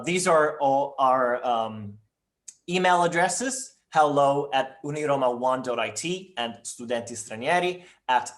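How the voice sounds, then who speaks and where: This man's voice is medium in pitch and a bit bright. He's giving a webinar on university admissions through a video call, measured in his delivery but filling it with frequent ums and uhs.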